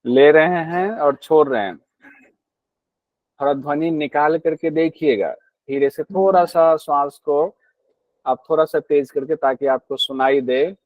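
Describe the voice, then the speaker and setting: A man's voice: a little high, no room sound, phone-quality sound. Hindi-speaking male yoga teacher lecturing. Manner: explains slowly, repeats key points, quizzes students. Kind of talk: classroom lecture on a yoga text.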